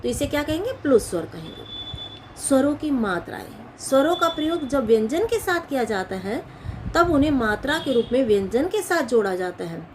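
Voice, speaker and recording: A woman's voice: high voice, big pitch swings, normal speed, a little mellow, slight background noise. A woman explaining grammar as a teacher, asking questions and answering them herself and repeating key points. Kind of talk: classroom-style explanation.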